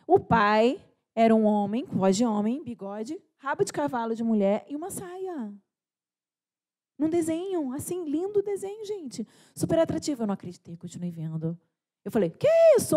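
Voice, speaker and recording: A woman's voice: a little high, big pitch swings, brisk, darkish tone. A young adult woman preaching at a church service, telling a story with quoted dialogue and frequent restarts. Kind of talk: sermon.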